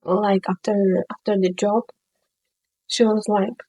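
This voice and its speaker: Slow, chatty woman telling a story. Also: medium pitch, flat delivery, mellow, rough recording. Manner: unhurried, chatty, frequent "you know" and "like". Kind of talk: storytime vlog.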